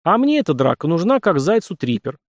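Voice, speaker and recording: A man voicing a quick-tempered, cheeky young man with sharp, teasing retorts. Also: on the high side, very animated, no echo, studio quality, pitched above the performer's own voice. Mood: cocky.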